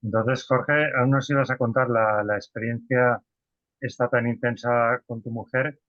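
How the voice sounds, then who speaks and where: A man as interviewer gently prompts his guest to continue. His voice stays level and flat in pitch. The sound is dry and slightly muffled. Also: measured pace, dry recording.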